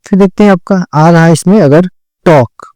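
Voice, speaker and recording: A man teaching shorthand step by step, patient and slow, repeating each word and checking that his students understand. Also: a little high, dark tone, no echo. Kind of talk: step-by-step classroom explanation.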